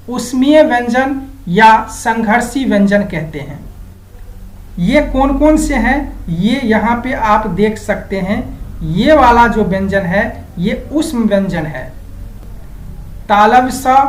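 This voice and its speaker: A woman's voice: fairly high pitch, reverberant, rough recording. A woman teaching an exam-prep grammar lesson, going step by step and repeating the key items.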